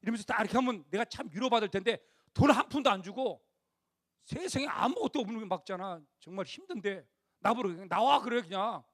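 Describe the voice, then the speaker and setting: A middle-aged man with a high-pitched voice preaching to young adults. He shifts between a chatty, storytelling tone and rising, forceful emphasis. He sometimes acts out the lines of the people in his stories. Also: quick pace. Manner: animated preaching, rising to near-shouts at emphasis; acts out quoted dialogue in a conversational tone. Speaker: pastor. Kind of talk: sermon.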